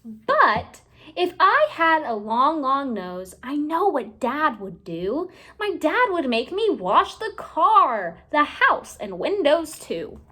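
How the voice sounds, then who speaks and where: This is children's read-aloud narration by a teacher with a high voice. She phrases each line deliberately and expressively, with a bouncing, animated pitch and stretched-out words meant for little listeners.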